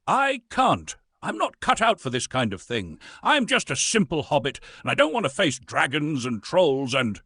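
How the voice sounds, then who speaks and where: A man doing a small fretful hobbit with a high, pleading voice that leaps up and down in pitch, cracking into shrill protests. The voice stays husky and dry throughout, a storybook reading with no room sound. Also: sing-song, normal speed, few pauses, bright, forceful tone, no room sound, heavily acted. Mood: desperate. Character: timid frightened male hobbit, small and fretful.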